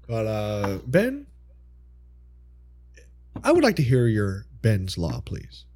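Lively, chatty man hosting a podcast. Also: on the low side, extremely slow. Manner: lively, chatty storytelling with laughs. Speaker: podcast host. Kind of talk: casual chat on a call. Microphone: voice call.

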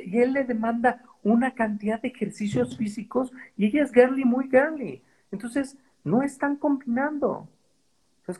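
A man's voice: very high-pitched, darkish tone, slightly rough, poor audio. A man with a Mexican accent chatting casually as a podcast guest, slangy and profane, constantly tossing in "¿sabes?". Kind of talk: casual conversational storytelling.

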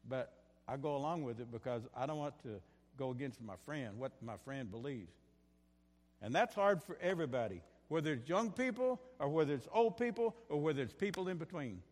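A man preaching a sermon as pastor, impassioned, swinging between bursts of fervor and quieter asides, often repeating his phrases. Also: a little high, animated, a little fast, big-room sound. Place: church sanctuary.

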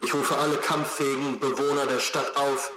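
A man's voice: medium pitch, little pitch movement. Man doing a solemn rebel leader over a radio. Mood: rousing. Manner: solemn, rousing, slow oratory. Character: male resistance leader giving a rousing radio speech. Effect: voice heard over a radio set. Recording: echoey with faint music behind.

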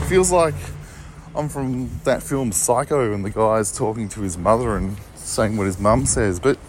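A man's voice: medium pitch, background noise. A man with an Australian accent rambling loosely, swearing casually as he walks and talks into his phone. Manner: profane, loose and laughing. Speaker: vlogger. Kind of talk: rambling walking monologue. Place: walking about, partly in a supermarket.

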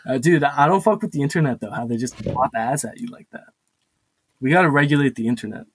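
A man's voice: mid-range voice, expressive, fast talker, a little hiss or hum. A young American man hosting a casual podcast, chatting in a laid-back, slangy frat-bro way. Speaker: podcast host.

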